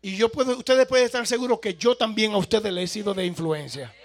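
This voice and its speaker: A man's voice: high voice, fast. A pastor from El Salvador with a Salvadoran accent, preaching a sermon and questioning his congregation, with amens in between.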